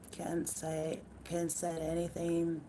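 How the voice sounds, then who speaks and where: A woman with a deep, hoarse voice talks her way slowly through a loose, rambling live-stream chat from home. Her worn-out voice and drawn-out delivery come with the odd curse word. A faint hiss of noise sits under the recording. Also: monotone, dark tone. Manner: rambling and loose, with frequent swearing and laughs.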